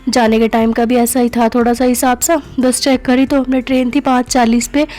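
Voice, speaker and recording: A young woman voices over her family vlog, chatty and packed with fillers such as "na" and "matlab." Her voice is fairly high and a little mellow, with little pitch movement and a brisk pace.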